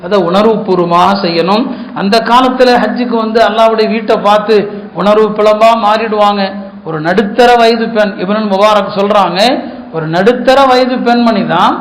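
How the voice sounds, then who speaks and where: Male preacher, high voice, earnest sermon delivery with emphatic repetition, echoey room. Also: steady tone, normal speed. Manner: earnest, repeats words for emphasis. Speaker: Islamic preacher.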